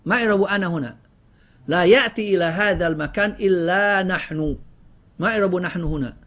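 Teaching grammar to a class, this man speaks quickly in a high, somewhat bright voice, running through word lists and quizzing students. Words frequently get cut off and restarted.

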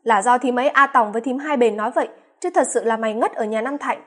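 A woman reading the part of an excitable middle-aged brother, exclaiming as he retells. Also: very high-pitched, fast. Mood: exasperated.

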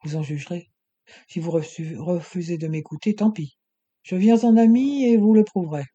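An audiobook reader voicing a scheming, menacing male doctor who speaks calmly and coaxingly. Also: mid-range voice, slightly rough, dull audio, close to an everyday voice. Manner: calm, measured, coaxing menace. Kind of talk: audiobook reading.

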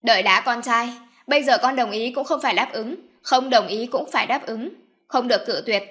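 A woman's voice: fairly high pitch, moderate pace, fairly bright tone, natural voice. A woman voicing a scheming, stubborn middle-aged mother in an audiobook, insistent and commanding. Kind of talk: audiobook character voice.

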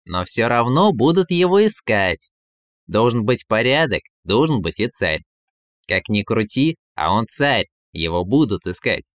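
A man's voice: mid-range voice, big pitch swings, measured pace, no room sound, studio quality. A man doing an exasperated young Ivan. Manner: blunt, exasperated. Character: Ivan, a blunt exasperated young man who grumbles and argues.

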